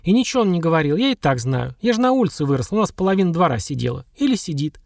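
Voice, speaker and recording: A man's voice: a little high, big pitch swings, very fast, vocal fry, darkish tone, no room sound, studio quality. A man voicing a streetwise young woman nurse in an audiobook, talking coarse street slang with wry chuckles. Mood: blunt. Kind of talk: audiobook dialogue.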